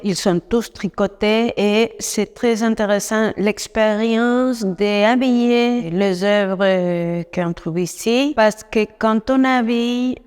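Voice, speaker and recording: Slow-woman, long echoing reverb. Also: medium pitch, a little mellow, clean tone. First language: Spanish. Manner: deliberate, halting non-native French phrasing. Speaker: artist presenting their exhibition. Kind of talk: guided exhibition talk. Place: echoing gallery stairwell and rooms. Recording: long echoing stairwell reverb, music underneath. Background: music.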